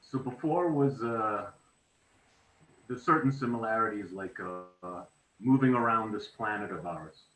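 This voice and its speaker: A middle-aged South African man joins a casual interview chat as a video-call guest from an echoey room. His voice is on the low side but fairly bright, and though his pace is measured, he hesitates and restarts his sentences.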